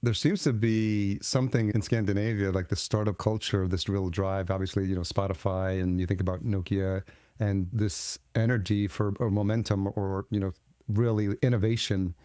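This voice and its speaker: A male podcast host with a low, mellow voice asks his guest questions and feels his way through them as he speaks. The recording is dry and close, with no room sound. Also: little pitch movement, moderate pace, no echo. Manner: searching, loosely phrased questions. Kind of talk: conversational interview questions.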